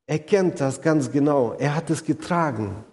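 A man's voice: a little high, lively intonation, normal speed, a little mellow. A man preaching a sermon, earnestly speaking straight to his listeners and retelling stories vividly. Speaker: pastor. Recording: long hall reverb.

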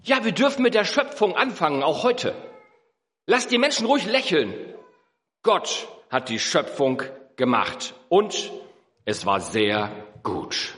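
A man preaching a sermon, swinging between emphatic high peaks and low, slow earnest passages. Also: very animated, fairly bright tone. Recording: echoey hall.

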